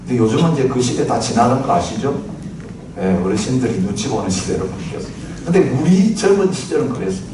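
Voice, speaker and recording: A man's voice: medium pitch, animated, fast. A man in his sixties preaching a chatty sermon, often asking the congregation questions, recorded from a distance in a church hall. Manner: chatty, asks the congregation, recites lyrics with laughter. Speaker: pastor. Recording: very echoey hall, distant mic, noisy.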